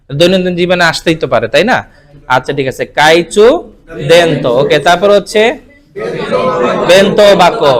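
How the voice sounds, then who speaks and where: A man from Bangladesh teaching Japanese vocabulary in a live online class, asking questions and repeating words for students to say. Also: high voice. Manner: colloquial Bangla mixed with English words.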